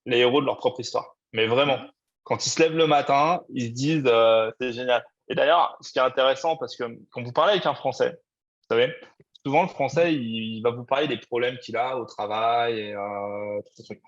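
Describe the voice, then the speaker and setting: Man, mid voice, halting webinar speaker, lo-fi audio. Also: mid-range voice. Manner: hesitant, many fillers and restarts. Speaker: export expert speaker. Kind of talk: webinar talk.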